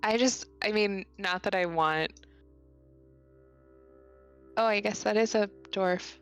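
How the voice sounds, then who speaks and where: Female tabletop player, mid-pitched voice, casual banter, faint music behind. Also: takes it slowly, clear, resonant tone.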